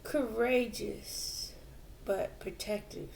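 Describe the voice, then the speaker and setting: Female tarot reader, unhurried and musing, heavy vocal fry, faint background hiss. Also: mid-range voice, expressive, a little mellow. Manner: slow and reflective, with many fillers and restarts. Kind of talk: tarot reading for viewers.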